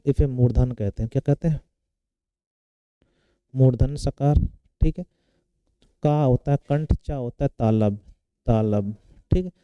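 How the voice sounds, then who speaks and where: A man's voice: mid-range voice, mellow, smooth, dry recording, poor audio. A man teaching grammar for an exam, asking questions and answering them himself, repeating the key terms. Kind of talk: exam-prep lecture.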